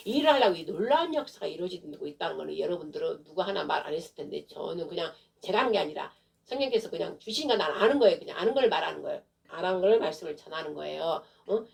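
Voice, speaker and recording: A woman's voice: on the low side, creaky, a little mellow, recorded from a distance. A woman pastor delivering a fervent, impassioned sermon that swells into emotional prayer. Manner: fervent, rising into wailing prayer.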